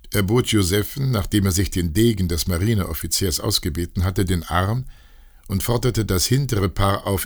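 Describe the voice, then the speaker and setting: A man reading a classic novella aloud in a dramatic, measured way. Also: sits low, vocal fry. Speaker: narrator. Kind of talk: scripted narration of a classic novella.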